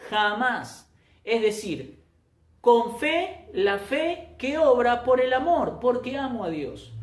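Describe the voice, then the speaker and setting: A pastor preaches an emphatic sermon, often repeating and restarting phrases, with sudden rises in pitch and loudness. He's very animated but slow-paced, and the room is echoey.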